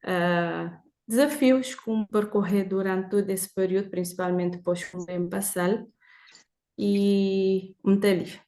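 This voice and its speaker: A woman's voice: mid-range voice, steady tone, measured pace, mellow. A woman from Portugal and Verde, a guest talking cheerfully and spontaneously, rambling with many fillers. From Portugal and Cape Verde. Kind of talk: live conversation.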